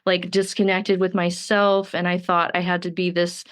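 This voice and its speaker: A woman's voice: lowish voice, little pitch movement, normal speed, clean tone. A woman in her thirties from Texas, a singer-songwriter guest talking casually, rambling and full of fillers. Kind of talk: casual interview chat.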